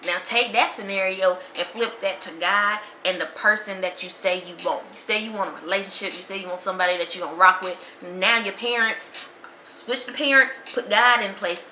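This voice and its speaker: Talking fairly quickly with a sharp tone and medium pitch, a woman in her twenties runs a slangy, animated podcast monologue in a casual style. There's echo in the room and a faint noise underneath.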